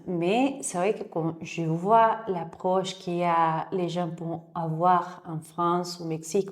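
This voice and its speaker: A Mexican woman, appearing as a guest in a casual interview, speaks French in a yoga studio. Her voice is fairly low and darkish in tone. She sounds hesitant, pausing often, restarting, and using many fillers.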